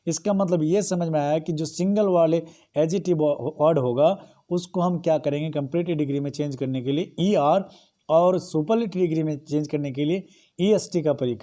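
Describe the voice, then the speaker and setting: A man's voice: on the high side, mellow. A young man teaching a grammar lesson, explaining in Hindi and often asking the class rhetorical questions.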